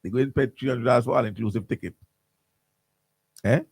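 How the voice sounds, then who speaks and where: A man's voice: mid-range voice, a little fast, darkish tone, breathy edge, no echo. A man hosting morning radio talk, ranting animatedly with lots of repeats and restarts in a studio. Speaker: radio host.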